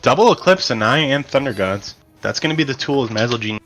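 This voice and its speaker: A man's voice: medium pitch, lively intonation, fast, fairly bright tone, faint music behind. A man giving casual esports play-by-play commentary while his mic cuts out, so his volume keeps dropping and jumping. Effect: mic cutting out, uneven volume. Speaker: game commentator.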